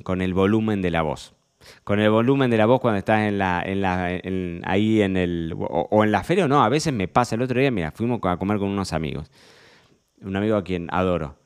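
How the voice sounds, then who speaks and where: A man with an Argentine accent, a sommelier hosting a podcast, talking loudly and casually, joking and restarting his sentences. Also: on the low side, clear, resonant tone. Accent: Argentine Spanish. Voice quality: talks fairly loud. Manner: chatty, joking, lots of fillers and restarts.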